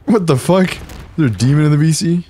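A young man playing a shooter game with friends over voice chat, chatting crudely, laughing a lot and excitedly calling out enemy positions into a headset mic. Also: fairly high pitch, quick pace, crowd noise. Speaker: gamer in voice chat. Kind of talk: casual crude gaming banter.

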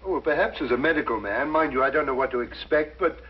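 An actor playing an earnest, officious British police inspector in a 1950s drama, speaking formally and emphatically. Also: male voice, medium pitch, fast, natural voice. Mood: brisk, concerned. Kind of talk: 1950s television drama acting. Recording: muffled, noisy 1950s television soundtrack.

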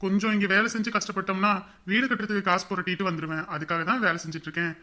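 A man's voice: high voice, little pitch movement, very fast, bright, forceful tone. An actor playing a young son working away from home, soothing and reassuring his mother. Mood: reasoning. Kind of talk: Tamil web drama acting.

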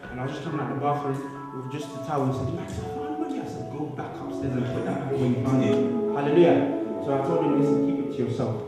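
A young man with a fairly high voice tells his testimony to a church congregation, repeating "hallelujah" and "amen" between sentences. He is picked up from a distance in a large, echoing hall with a long reverb. Music plays loudly behind him. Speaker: church speaker giving testimony. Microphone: handheld microphone. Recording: echoey hall recorded from afar.

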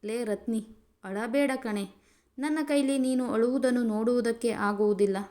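A woman's voice: a little high, moderate pace, mellow, close to an everyday voice. A woman reading the part of a young husband who scolds his wife but dotes on her, in a storybook reading. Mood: tender. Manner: scolding, then pleading.

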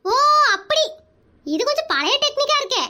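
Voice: very high-pitched, big pitch swings, normal speed, sharp tone, full character voice. A performer voicing a bossy, meddling middle-aged aunt in a comedy cartoon, scolding and nagging everyone around her.

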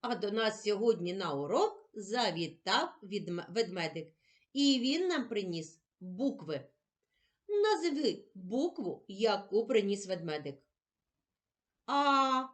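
A woman teaching a children's reading lesson, drawing out sounds and syllables in a clear, sing-song way. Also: medium pitch, big pitch swings, slow pace. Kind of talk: slow, clearly articulated literacy lesson for children.

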